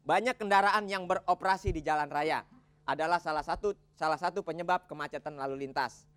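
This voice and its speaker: A man runs a comedy quiz in a studio, reading questions and trading jokes with the players. His voice sits high, and he laughs easily between lines. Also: a bit bright, clean tone. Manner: bantering, laughs often. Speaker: quiz host. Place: TV studio with audience.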